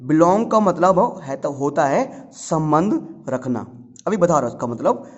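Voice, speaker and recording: A man's voice: on the high side, very animated, unhurried. Chatty male maths tutor, lo-fi sound. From Uttarakhand, India. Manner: chatty, coaxing, answers his own questions in students' voice. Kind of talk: casual classroom explanation. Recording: dull lo-fi sound.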